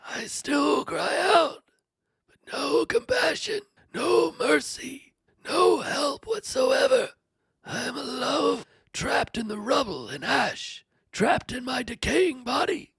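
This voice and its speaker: A woman's voice: high voice, animated, takes it slowly, vocal fry, no room sound, heavily acted. A woman voicing the suffering old man Job, tearful and pleading, dramatically reading his lament with whispers and cries. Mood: anguished. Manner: anguished pleading, dramatic swings.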